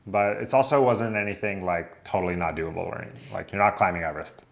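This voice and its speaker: A man co-hosting a hiking vlog, narrating casually in a relaxed, loose way with plenty of filler words. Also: lowish voice, fast talker. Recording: voice-over with clear music bed. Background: music under the voice.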